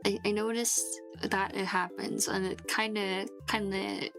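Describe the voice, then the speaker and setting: A woman streaming as a vtuber talks casually and ramblingly while sick with a fever and a dry throat. Her gravelly mid-range voice stays level in tone and runs a little slow, with many restarts, frequent laughs and background music underneath.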